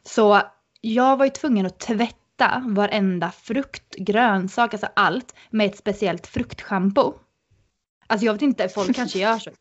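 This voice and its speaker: A woman guest on a podcast, telling a story in an animated, casual way with many fillers. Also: medium pitch, highs cut off.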